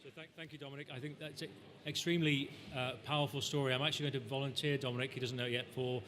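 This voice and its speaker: A man chairing a conference session, briskly wrapping up questions and thanking the speaker. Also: medium pitch, little pitch movement, a bit bright.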